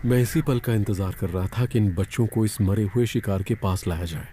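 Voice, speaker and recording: Man doing calm dubbed wildlife narration, low warm voice, bit of outdoor noise. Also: normal speed.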